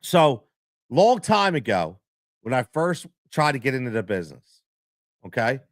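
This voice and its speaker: A middle-aged man with a Philadelphia accent hosting a live stream, talking in an animated, repetitive way full of stammered restarts. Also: mid-range voice, a little slow, no room sound, studio quality. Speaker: show host.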